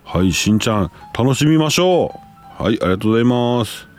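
A man's voice: medium pitch, expressive, quick pace, darkish tone, faint music behind. A man with a Kansai accent, hosting a casual live stream, reading listener messages aloud and exclaiming often as he reacts.

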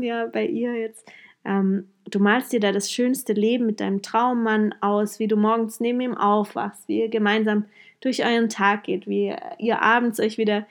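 A woman hosting a motivational podcast monologue, earnestly retelling a coaching talk and often tagging her sentences with a questioning "ja?". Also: medium pitch. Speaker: podcast host and life coach.

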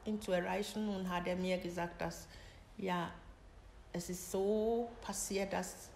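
Halting middle-aged woman from Ghana. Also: fairly low pitch, steady tone, creaky, darkish tone. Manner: halting, broken German with many pauses and fillers. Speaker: interviewee, mother of the host. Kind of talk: personal story told in conversation. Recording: roomy echo with faint noise.

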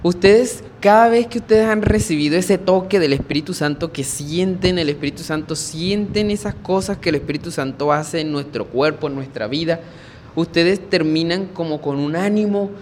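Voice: medium pitch, normal speed, a little mellow, a little hiss or hum. An interviewer at a church who asks leading questions and sums up the answers in religious phrases.

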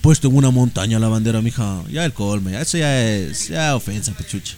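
Fast-talking Ecuadorian man telling school stories. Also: fairly low pitch. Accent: Ecuadorian Spanish. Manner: animated storyteller, sings snippets of school chants. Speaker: podcast co-host. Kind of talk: casual chat.

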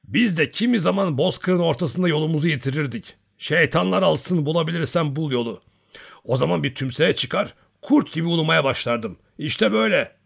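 A rowdy old hunter booms out his teasing in a raised, high voice, as a male narrator puts him on. He is hearty and boastful, his pitch rising and swooping as he spins his yarns. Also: expressive, normal speed, gravelly, husky, heavily acted. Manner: hearty, bantering, loud.

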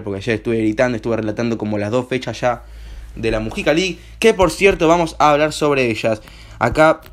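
A young Argentine man with a slightly hoarse voice hosts a casual home-made radio show. He talks in a loose, rambling way, full of slang and filler words. His pitch sits at a plain middle height for a man. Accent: Argentine Spanish. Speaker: host.

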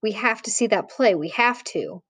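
A woman voicing a taunting middle-school boy bully who talks loud and mocking. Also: medium pitch, lively intonation, normal speed, breathy edge, no room sound. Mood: scornful.

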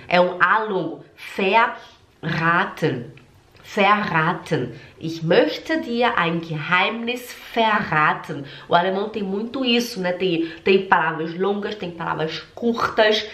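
A woman's voice: medium pitch, fairly bright tone. A Brazilian woman teaching German in an online lesson, sounding congested from a cold and drilling pronunciation by repeating words carefully. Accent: Brazilian Portuguese. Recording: roomy echo.

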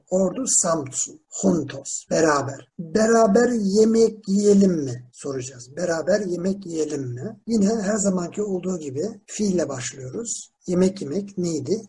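A teacher giving a slow Spanish lesson in a classroom, spelling words out letter by letter with town names and repeating verb forms. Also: mid-range voice, darkish tone, a little hiss or hum. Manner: drills verb forms slowly and repeats them. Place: classroom with students.

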